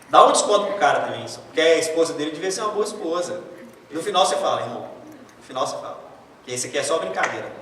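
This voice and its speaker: A man's voice: on the high side, a bit bright. A man with a Brazilian Portuguese accent preaching a casual sermon, joking and acting out the voices of people he quotes. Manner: jokey, conversational, acts out quoted voices. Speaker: pastor. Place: church hall. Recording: echoey church hall, far-off mic, faint noise.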